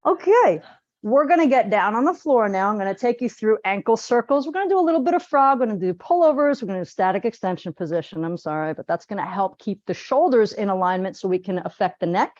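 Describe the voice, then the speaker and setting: A woman teaching a live group exercise class in a lively, chatty, joking and direct way. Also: mid-range voice, fast talker, no room sound, lo-fi sound. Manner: direct, plain-spoken coaching. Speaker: posture exercise instructor.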